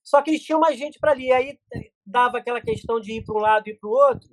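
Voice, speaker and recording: A man's voice: very high-pitched, slight background noise. A middle-aged man, a podcast guest telling stories in casual chat with many restarts. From Brazil. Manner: rapid storytelling with many restarts.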